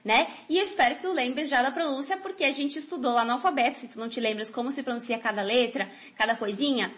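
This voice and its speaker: Chatty high-voiced teacher woman. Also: fast, fairly bright tone. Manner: chatty, encouraging, with frequent tag questions. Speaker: Spanish teacher. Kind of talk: online language lesson.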